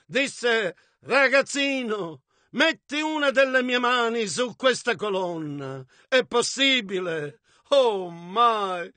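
A man interprets a sermon phrase by phrase in a very high, bright voice. He speaks slowly and with emphasis, shouting where the preacher shouts, and the sound is close and dry. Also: dry recording.

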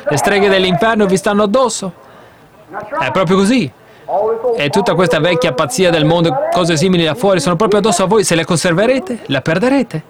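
A man preaching to a congregation with children, shouting in an old-fashioned style and leading call and response. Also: high voice, fairly quick, a crowd in the background.

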